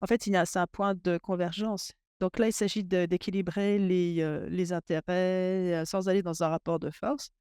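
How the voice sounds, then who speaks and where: A man interpreting a webinar panel discussion into French in real time, halting and often restarting his sentences. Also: high-pitched, little pitch movement, darkish tone, clear, resonant tone, no echo, studio quality. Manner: halting, with frequent restarts and fillers. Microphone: remote webinar audio.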